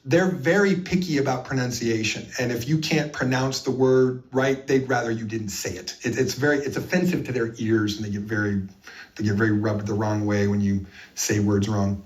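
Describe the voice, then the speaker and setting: A man's voice: mid-range voice, steady tone, moderate pace, far from the mic. A man being interviewed, recounting his experiences earnestly and with emphasis, with frequent fillers. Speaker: interview guest.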